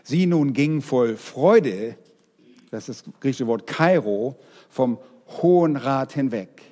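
A man preaching a sermon, speaking straight to his congregation in a lively way. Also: medium pitch, slow, big-room sound. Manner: lively, addresses the congregation directly.

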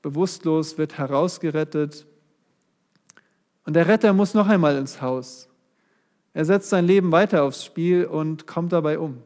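A man's voice: fairly high pitch, darkish tone. A man preaching a sermon and reading a psalm aloud, speaking straight to his congregation and lifting his voice on key words. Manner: addresses the congregation directly, rising voice on key words.

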